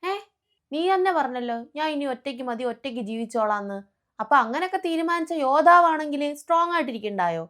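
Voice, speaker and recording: A woman's voice: high-pitched, animated, quick pace, a bit bright. A woman acting out a family skit, fussing and scolding as she plays several relatives.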